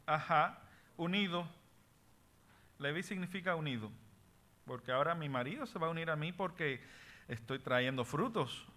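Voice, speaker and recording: A man leading a Bible study class in a high voice. He reads passages aloud, stops to explain word meanings, and checks in with his listeners. His tone is bright and forceful, and he sometimes drops English words into his explanations. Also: lively intonation, normal speed, pauses often. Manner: switches between Spanish and English words.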